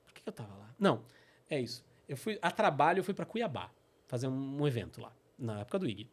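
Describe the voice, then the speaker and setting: A middle-aged man with a Brazilian Portuguese accent telling personal stories on his podcast, animated and full of fillers. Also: mid-range voice, fast. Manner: animated, acts out quotes, many fillers like "né" and "tipo assim". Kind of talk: casual storytelling.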